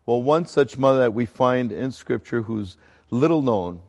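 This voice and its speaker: A middle-aged man from Ecuador preaches from the pulpit in a relaxed, conversational sermon. His delivery halts now and then with fillers and restarts. His mid-range voice rings out with a long reverb, as in a church sanctuary. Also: mid-range voice, moderate pace. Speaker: pastor.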